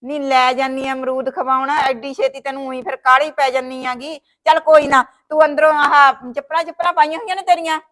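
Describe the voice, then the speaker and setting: A worried, theatrical sister-in-law with a high voice and a Punjabi accent, given to wailing and nagging advice. The acting is plain and homely, in the way of a village short film, with a woman playing her. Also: flat delivery, a little fast, hardly any pauses, fairly bright tone. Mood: fretful. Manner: dramatic wailing, scolding. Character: fretful sister-in-law caring for her brother's wife.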